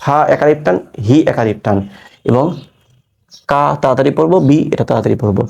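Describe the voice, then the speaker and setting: Male teacher, mellow tone, slow spelled-out recitation drills, patient and repetitive. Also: mid-range voice, vocal fry. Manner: patient, repeats syllables, asks rhetorical questions. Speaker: Quran reading teacher.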